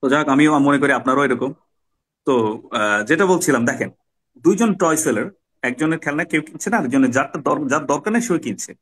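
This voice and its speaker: A man with a Bangladeshi accent lectures a class in a fairly high, husky voice. He keeps a teacherly manner, asking his students questions and acting out examples as he goes. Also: lively intonation, fairly quick, fairly bright tone. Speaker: soft skills trainer.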